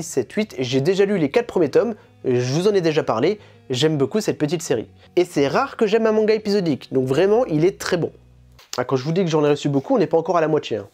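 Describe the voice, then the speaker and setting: A woman hosting a manga channel, chatting casually and enthusiastically through an unboxing. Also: on the low side. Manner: animated, chatty and enthusiastic, with laughs.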